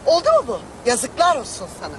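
A woman's voice: fairly high pitch, wildly swooping pitch, fast, slight background noise. An actress playing a meddling auntie who works spells and scolds a young man, heard from a distance. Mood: scolding. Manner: scolding, reproachful.

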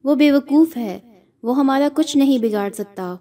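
A woman's voice: sits high, mellow, close to an everyday voice. A woman voicing a threatening spirit that speaks through a possessed girl in an audio horror story. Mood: menacing. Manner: threatening, contemptuous.

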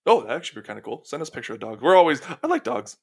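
A man's voice: on the high side, very animated, rapid-fire, vocal fry, darkish tone, breathy edge. A young man co-hosting a casual podcast, swearing freely and laughing as he tells stories. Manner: swearing, laughing, acts out a dog's thoughts in quotes. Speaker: podcast co-host.

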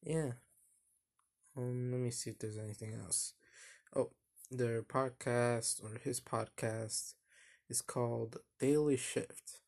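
A young man hosting a casual solo podcast, talking in a flat, monotone voice that rambles and hesitates with lots of fillers. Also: mid-range voice, slow pace, vocal fry, long pauses. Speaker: podcast host.

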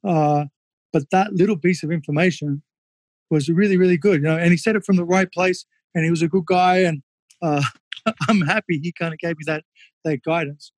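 Aussie ex-kickboxer telling fight stories, bit high for a guy, swears a lot, dry close sound. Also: steady tone, moderate pace, dry recording. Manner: candid, swears freely, many fillers. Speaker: guest, former kickboxer. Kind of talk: casual interview storytelling.

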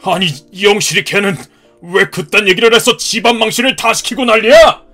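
A man voicing a gruff, hot-tempered ex-marine father in his fifties who scolds and shouts in a cartoon story. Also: high voice, brisk, soft background music. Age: 50s.

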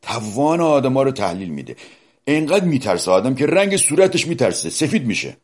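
Husky preacher man with dramatic swings. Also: big pitch swings. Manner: dramatic swings between loud exclamations and hushed low asides; addresses listeners directly with rhetorical questions. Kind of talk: sermon.

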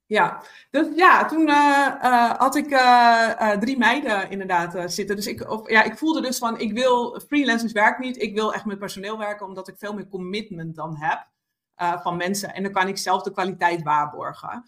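On a podcast, a woman guest reflects on her own story in conversation, with plenty of hesitations and fillers. Her medium-pitched voice is somewhat bright and moves at a moderate pace.

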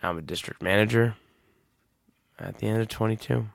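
On his solo podcast, a twentysomething host talks at normal speed in a fairly low, gravelly voice. He rambles in a relaxed, reflective way and keeps correcting himself, all captured in a dry, clean studio recording.

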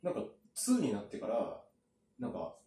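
In a relaxed chat, a man spins lengthy stories with plenty of fillers and asides, his medium-pitched, warm voice swooping wildly up and down. He was recorded from a distance in a roomy space.

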